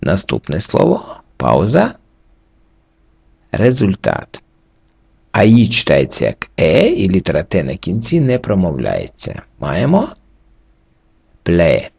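With a low, husky, darkish voice, vocal fry, and huge pitch swings, a male French teacher records a lesson with no echo. He works through each letter's reading rule slowly and methodically.

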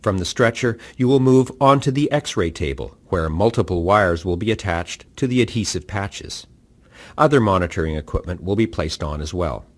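A man reads a scripted patient orientation in a calm, measured way. His voice sits on the low side, yet his pitch moves in a lively way from phrase to phrase. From Canada. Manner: calm, measured instructional delivery. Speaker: narrator. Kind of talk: scripted narration.

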